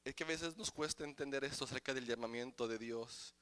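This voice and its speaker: A male pastor preaching a sermon in church, moving from quiet explanation to loud, chanted exhortation. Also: medium pitch, fairly quick, no room sound. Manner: starts quiet and builds to shouting, chanted preaching.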